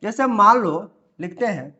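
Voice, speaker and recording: A man teaches grammar to students. He explains patiently, repeating each point and drawing out his example sentences slowly word by word. The recording is dull and lo-fi. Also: high voice, lively intonation, gravelly, bright, forceful tone. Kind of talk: classroom lesson explanation.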